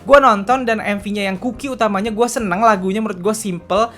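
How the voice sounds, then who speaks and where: A late-20s man from Indonesia gives casual solo vlog commentary on K-pop news, chatting openly with slang and a habit of ending with "gitu." His high-pitched voice is steady, brisk, and a bit bright.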